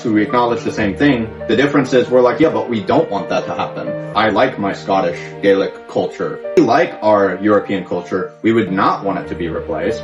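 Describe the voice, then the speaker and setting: A sarcastic man reacting to a clip, his voice sitting fairly low. He talks in a mocking tone. The recording is roomy and dull, with clear music running behind him. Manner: sarcastic, mimics others in put-on quotes. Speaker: reaction video host.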